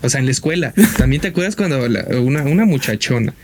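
A man's voice: medium pitch, lively intonation, fast talker, background noise. A man with a Mexican Spanish accent co-hosting a podcast, talking in a slangy, hesitant way with many fillers. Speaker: podcast co-host. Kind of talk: casual chat.

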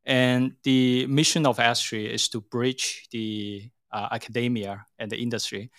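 A middle-aged man with a Hong Kong accent, a tech company CEO, answers interview questions as a guest. His mid-range voice is level and a bit bright, and he speaks at a measured pace. He sounds hesitant and explanatory, often rewording his answers as he goes.

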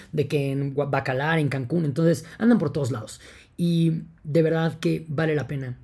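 Gravelly young Mexican man, rambling podcast. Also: a little high, darkish tone. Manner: enthusiastic, rambling, many fillers like "entonces" and "o sea". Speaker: podcast host. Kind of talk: casual monologue to listeners.

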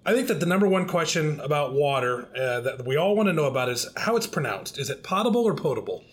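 Podcast host: man, slightly higher voice, upbeat and joking. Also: animated, fast talker. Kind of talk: podcast interview.

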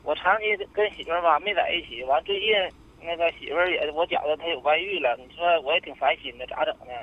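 A man's voice: fairly high pitch, quick pace, slightly rough. A man calling a radio show, rambling and hesitant, full of fillers. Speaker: caller. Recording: muffled phone line.

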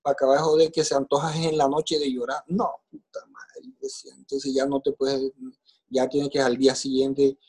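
A middle-aged Colombian man, a guest in an interview, recounts his life story in casual conversation. His voice is medium-pitched, husky and darkish, with a flat, fairly quick delivery. He speaks emotionally and plainly, using coarse slang and repeating phrases.

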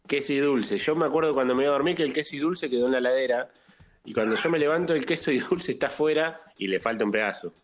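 A man with a Rioplatense Spanish accent, deadpan, telling a personal story in a casual comedic chat. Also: mid-range voice, quick pace. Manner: deadpan, peppered with "viste".

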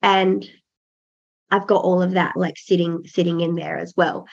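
A pregnant woman in her thirties, a birth doula, is a guest on a podcast, chatting casually in an interview. Her lowish, gravelly voice has a breathy edge and a level tone at a measured pace; she's earnest and reflective with many restarts, and the audio is dull and lo-fi.

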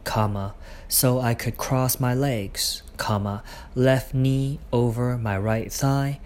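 A man dictating his own prose aloud, speaking every punctuation mark in a deliberate, halting way. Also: mid-range voice, steady tone, darkish tone, slight background noise. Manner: slow, deliberate dictation with pauses.

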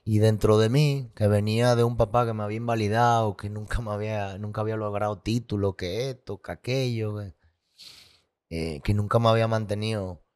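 A man's voice: fairly low pitch, fairly even intonation, fairly quick, a little mellow, smooth. A man telling his personal story as a guest, candid and emotional, with vivid sound effects and repetition.

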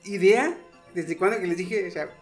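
A man's voice: high-pitched, normal speed, faint music behind. A man with a Mexican Spanish accent, rambling and confessional while chatting as a podcast co-host. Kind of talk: casual chat among friends.

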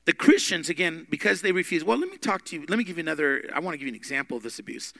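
A man teaching a Bible study podcast, emphatic, with big swings in loudness. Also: a little high, big pitch swings, very fast, gravelly, dry recording.

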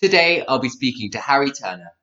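A man's voice: medium pitch, very animated, fast talker, bright, forceful tone, slight background noise. A man introducing a news item and putting prepared questions as a radio interviewer. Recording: echoey, slightly dull audio.

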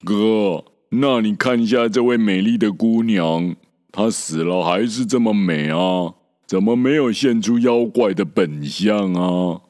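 A man voicing a sly, slow-witted male pig disciple in a storybook reading, drawling and needling. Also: fairly low pitch, a little mellow, in a large hall, natural voice. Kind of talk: storybook character voice.

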